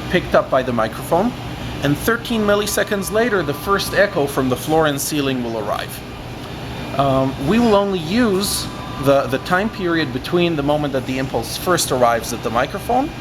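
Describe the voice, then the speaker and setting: A loudspeaker maker in his thirties explains factory testing in an unscripted but precise and methodical way. His voice is on the high side, at a moderate pace. He's indoors in a large industrial workshop, with steady ventilation and machinery noise underneath.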